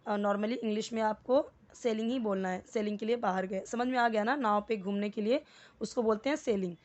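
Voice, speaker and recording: A woman with an Indian accent teaching English step by step, patiently explaining each word and reading the English lines slowly. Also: medium pitch, lo-fi sound. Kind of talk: step-by-step language lesson.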